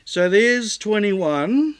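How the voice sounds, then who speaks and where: A man's voice: high-pitched, big pitch swings, extremely slow, clear, resonant tone. A man vlogging casual commentary on Bible texts, sarcastic and rambling, often correcting himself mid-sentence. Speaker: YouTube vlogger.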